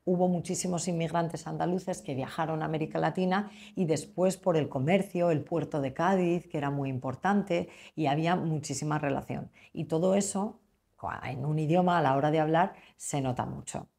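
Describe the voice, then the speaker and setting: Mellow-voiced Castilian Spanish woman teaching. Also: low-pitched, creaky. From Castile, Spain. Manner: explains in a relaxed, unhurried way with small restarts and fillers. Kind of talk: casual online lesson.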